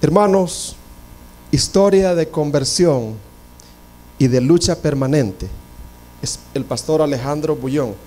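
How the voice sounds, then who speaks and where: A male pastor preaches in a slightly raised voice and at an unhurried pace. He swings from loud, high-pitched declarations to hushed, whispered prayers, and he puts on a higher voice for the people he quotes. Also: slight background noise. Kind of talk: sermon.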